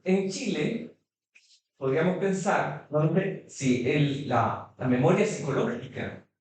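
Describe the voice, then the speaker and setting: A man's voice: on the high side, expressive, slow pace, a little mellow, slight background noise. A man in the audience asking a question, hesitant and restarting often. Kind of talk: questions from the floor. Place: consulate event hall. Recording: echoey hall, distant mic.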